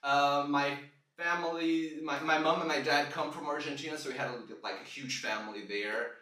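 A Brazilian man in his thirties hosts a casual podcast monologue, loose, rambling and self-mocking. His voice is fairly high and bright, with a forceful tone, fairly even intonation and normal speed. The room is echoey, the mic distant, and music plays behind him.

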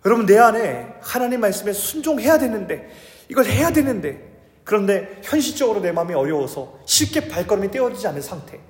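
A man in his thirties preaching a sermon as pastor, shifting between urgent raised delivery and soft, hushed storytelling. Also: sits high, big pitch swings, brisk. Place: church sanctuary. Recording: echoey hall with long reverb.

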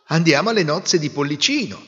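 A man with a husky voice playing a proud, bustling male rooster in a folk tale, brisk and cheerful. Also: on the high side, expressive, fairly bright tone. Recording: echoey hall, dull lo-fi sound.

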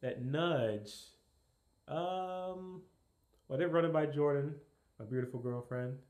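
A man's voice: on the high side, slow pace, darkish tone. Easygoing male podcast guest. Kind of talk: casual chat.

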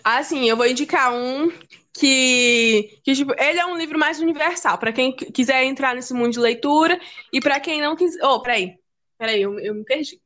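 A woman's voice: sits high, moderate pace, a bit bright. A woman co-hosting a casual podcast chat, talking hesitantly with stammers and fillers. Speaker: podcast co-host.

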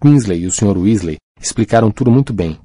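A defiant teenage boy speaks with dry sarcasm and impatience , as a male narrator gives him voice. The tone is dark and low, read close and dry. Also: animated, fast, dry recording. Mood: insistent.

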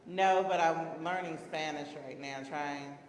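A woman guest answering interview questions casually and candidly, often pausing with "um" and laughing. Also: low voice, steady tone. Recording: echoey room.

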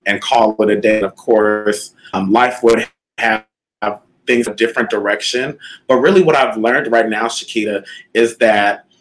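A man's voice: fairly low pitch, rough recording. Reflective man hosting a talk. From Canada. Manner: reflective, with fillers and restarts. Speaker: host. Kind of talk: casual chat.

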